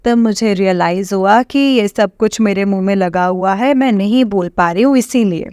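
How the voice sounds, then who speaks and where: A middle-aged woman gives a halting devotional testimony to a congregation, often pausing and addressing her listeners directly. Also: medium pitch, a little mellow, clear, resonant tone, no echo, clean studio sound.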